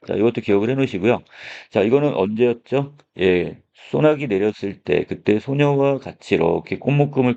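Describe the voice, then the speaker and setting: A male teacher lectures on a literary text and explains each scene in turn. His voice is low with a gravelly edge. The recording is dull and lo-fi. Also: darkish tone. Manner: explanatory, opens phrases with a filler 'so'.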